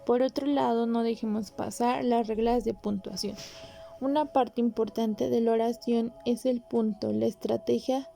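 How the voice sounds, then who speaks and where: A woman hosting a podcast, calmly explaining Spanish grammar in a measured, instructive way with pauses. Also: on the high side, creaky, soft background music. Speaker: podcast host.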